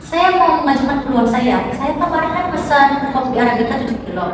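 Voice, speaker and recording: A civil young customer with a complaint played by a woman talks in a high voice. It is an amateur role-play, caught from far off in a reverberant room. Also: animated, fast. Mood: civil, concerned. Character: civil female café-owner customer making a complaint. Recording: very echoey room, distant mic, noisy.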